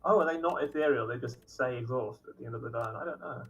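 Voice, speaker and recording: A man chatting casually as a co-op partner in a gameplay stream, relaxed and quick to laugh. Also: mid-range voice, slightly rough, soft background music. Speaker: co-op game partner.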